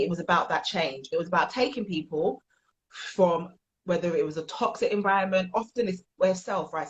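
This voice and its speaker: Woman coach, low and emphatic, on a muffled, lo-fi line. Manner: earnest, emphatic, repeats herself for weight. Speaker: transformational coach. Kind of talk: interview answers. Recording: dull, lo-fi sound.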